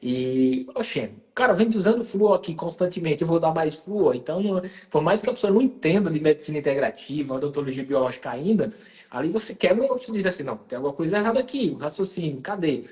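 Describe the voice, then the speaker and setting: Man, live host, emphatic, fairly high voice. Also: lively intonation, quick pace, a little mellow. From Pernambuco, Brazil. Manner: emphatic, calls the guest by name often. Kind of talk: casual conversation.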